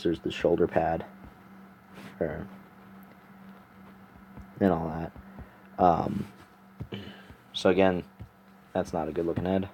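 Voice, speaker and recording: A man with a notably low voice recounts a fantasy tale in loose, everyday speech. He draws as he talks, so he wanders, restarts and pads his sentences with fillers. It sounds like someone narrating his own story for viewers rather than performing it. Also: highs cut off, a little hiss or hum. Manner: rambling, filler-heavy, thinking aloud. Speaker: storyteller and artist. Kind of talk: casual spoken storytelling while sketching.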